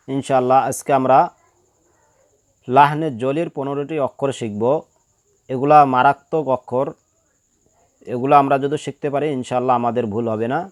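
A man teaching the pronunciation of Arabic letters, stretching each sound out loud and slow. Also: mid-range voice, clean tone, no echo, clean studio sound. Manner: demonstrates letter sounds loudly and slowly, drawn out. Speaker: Quran teacher. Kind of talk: pronunciation lesson.

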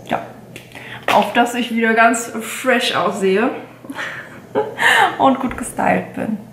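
A beauty vlogger in her late twenties talks through a shopping haul at home in her bedroom, relaxed and rambling with lots of small fillers and self-corrections. Her voice sits at an ordinary middle pitch. A camera at desk distance records her in a room with a clear echo and a faint hum.

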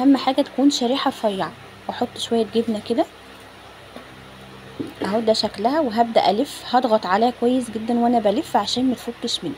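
In a low-quality phone recording with clear background noise, an Egyptian-accented woman presents a recipe as a home cook, casually narrating and talking directly to viewers. Her pitch is fairly high and her tone darkish.

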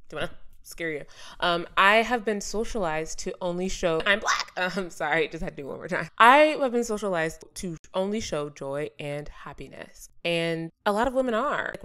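A woman hosting her own vlog, talking in a playful, animated way with jokey asides and big swings in pitch and loudness. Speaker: vlog host. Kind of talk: casual commentary vlog.

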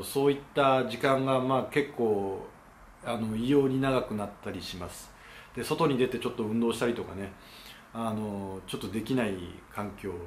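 A man's voice: lowish voice, a little hiss or hum. A man hosting his own channel, explaining in a polite, casual manner with many hesitation fillers. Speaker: channel host. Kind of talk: casual explainer talk to camera. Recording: echoey room with faint ambience.

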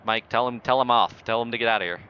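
In a flight simulator game, a man improvises the role of a bossy, sarcastic air traffic controller with put-on authority. He speaks fast in a medium-pitched, clear, resonant voice, heard through muffled voice chat with faint noise.

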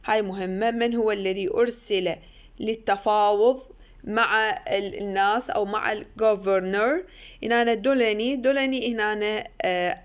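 Higher-pitched woman lecturing, muffled. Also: smooth. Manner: explains English text line by line in Arabic, many hesitations. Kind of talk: recorded university lecture. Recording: muffled lo-fi recording.

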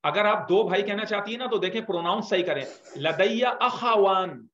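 A man teaching a class, patiently correcting students' pronunciation and repeating words slowly. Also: sits high, a bit bright, slight background noise. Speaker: Arabic teacher. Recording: roomy, dull lo-fi sound.

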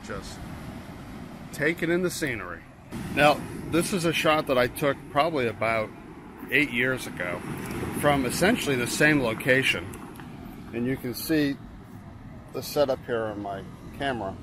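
A landscape photographer from Portland, Maine, vlogs at dawn from a rocky beach, his mid-range voice moving at a moderate pace with frequent pauses. He explains what he's doing as he shoots, relaxed and full of fillers and restarts, while surf and ambient noise from the waves fill the background.

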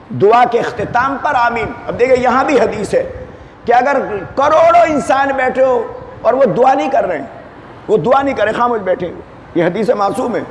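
A male cleric delivering a Muharram sermon, asking the crowd rhetorical questions and shouting key points for emphasis. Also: extremely high pitch, a little hiss or hum. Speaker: maulana giving a majlis. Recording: echoey hall with faint ambience.

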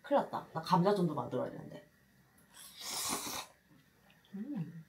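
Her voice low and a little mellow yet very animated, a young cooking vlogger with a Korean accent talks rapid-fire while cooking and eating at her home table. She's chatty and mixes in Korean phrases, with the sizzle of frying in the background.

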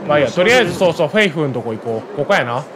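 A man with a Kansai accent chats and mutters to himself while he plays a game. His voice sits a little high. He keeps his talk casual and loose. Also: big pitch swings, rapid-fire, background noise. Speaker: game streamer. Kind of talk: casual let's-play commentary.

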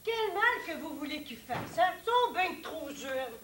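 A woman playing a sharp-tongued Québécois neighbour. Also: very high-pitched, big pitch swings, unhurried, very noisy, full character voice. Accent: Québécois French. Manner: mocking, bossy. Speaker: stage actor. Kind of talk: amateur stage acting. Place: theatre stage. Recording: echoey stage audio.

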